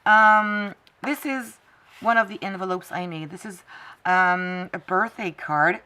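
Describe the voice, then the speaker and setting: Bright-voiced French woman teaching crafts. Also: medium pitch, measured pace, clean tone. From France. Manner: chatty, rambling with many fillers. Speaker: crafting tutorial host. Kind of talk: casual craft tutorial.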